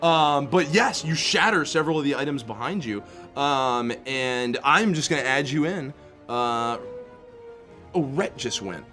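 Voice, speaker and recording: A man improvising tabletop game narration as game master, building descriptions haltingly piece by piece. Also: medium pitch, animated, bright, forceful tone. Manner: halting, piecing descriptions together. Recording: music behind the voice.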